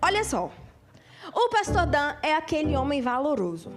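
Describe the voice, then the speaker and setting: A woman pastor, preaching on a church stage in an animated way and acting out scenes. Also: high voice, moderate pace. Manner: animated, acts out scenes, emphatic. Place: church stage before a congregation. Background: music.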